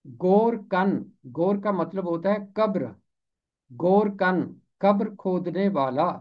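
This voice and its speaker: In a muffled recording, a man with a high-sitting voice gives a lesson on how words are pronounced and what they mean, deliberately saying each term slowly and repeating it for clarity.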